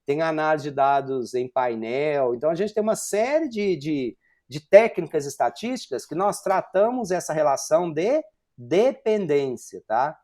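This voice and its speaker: A man's voice: a little high, lively intonation, moderate pace, a little mellow. A man in his forties from Brazil giving an online university lecture, explaining step by step with frequent fillers and rhetorical questions. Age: 40s.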